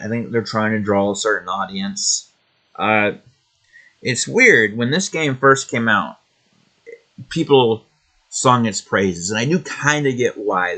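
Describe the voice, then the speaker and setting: A man's voice: on the low side, a bit bright. A man hosting a video game show, giving casual opinion commentary in a hesitant, rambling, matter-of-fact way.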